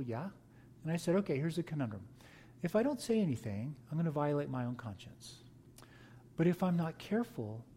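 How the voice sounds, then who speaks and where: A man's voice: mid-range voice, dark tone, a little hiss or hum. A middle-aged man, a pastor and seminary teacher, telling personal stories in an easygoing, anecdotal way during an interview. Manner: folksy anecdotal storytelling with laughs. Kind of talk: storytelling interview answer.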